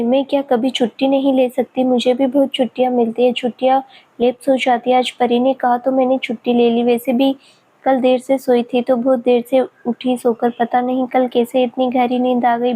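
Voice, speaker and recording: A woman's voice: a little high, completely flat delivery, normal speed, warm tone, close to an everyday voice. A woman reading the part of a self-assured, teasing grown woman in a spoken family story. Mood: chatty. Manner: teasing, chatty.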